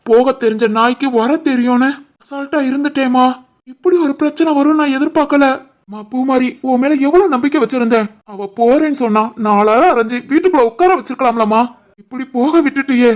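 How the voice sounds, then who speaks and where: A woman voicing a hurt village father in an animated family drama, grieving and reproachful, with a Tirunelveli Tamil accent. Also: sits high, a little fast, pitched below the performer's own voice, close to an everyday voice.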